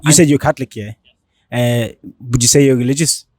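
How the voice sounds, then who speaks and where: Fast-talking male street interviewer. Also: mid-range voice, darkish tone, no echo. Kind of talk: casual interview.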